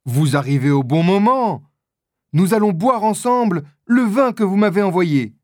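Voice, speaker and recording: A man voicing a bold young male swordsman hero, raising his voice higher and exclaiming. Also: animated, normal speed, no room sound, studio quality. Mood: cheerful.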